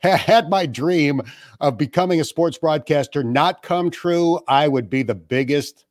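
A radio play-by-play broadcaster from western New York answers interview questions from his family room over a remote call from home, in a measured, self-deprecating way. His voice is on the high side, with a dry, studio-quality recording.

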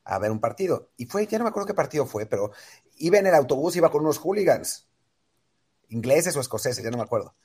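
A man's voice: mid-range voice, a little mellow, breathy edge. A Mexican man chatting about football on a sports panel, telling stories with animation. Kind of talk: casual sports chat.

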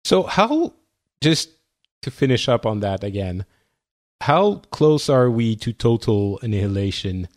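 A man hosting a casual panel chat, relaxed as he moderates and steers the talk. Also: medium pitch, a little slow. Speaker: podcast host.

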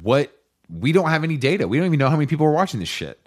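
A man co-hosting a podcast in casual chat, blunt, opinionated and quick to swear. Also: fairly high pitch, big pitch swings. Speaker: podcast co-host.

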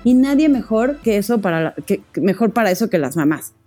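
A woman's voice: medium pitch, big pitch swings, fairly quick, dark tone, faint music behind. A woman expert, explaining with emphasis and reassurance in a podcast interview, often saying "o sea". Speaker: child psychologist guest.

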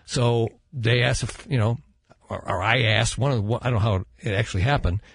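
An older American male podcast host chats in a husky voice. He rambles and halts as he reminisces, close on the mic in a dry room. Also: medium pitch, brisk, fairly bright tone, no room sound. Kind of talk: casual chat. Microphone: close studio microphone.

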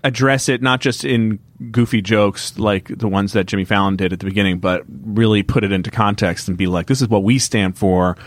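A man's voice: fairly low pitch, brisk, hardly any pauses, dry recording. Candid man chatting on a podcast. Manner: candid, animated, self-aware asides. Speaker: podcast host. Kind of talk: casual chat.

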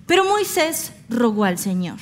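A woman's voice: a little high, big pitch swings, measured pace. A young woman preaching a sermon, telling stories animatedly and acting out the voices of the people she quotes.

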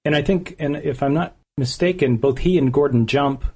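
A man's voice: a little high, moderate pace, a little mellow, husky. A man hosting an interview, asking long lead-in questions with eager interest. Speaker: interviewer, podcast host. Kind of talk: conversational interview.

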